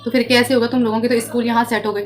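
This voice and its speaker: A mother in her thirties talking gently with her young son in a casual family vlog, soothing and coaxing him. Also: fairly high pitch, little pitch movement, very fast, faint music behind. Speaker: vlogger, mother.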